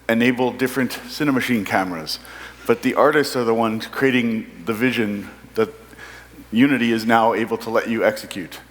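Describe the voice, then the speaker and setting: A product manager, a man with a medium-pitched and slightly bright voice, presents a product at a conference. He speaks in a big indoor hall whose echo leaves a long reverb on the recording.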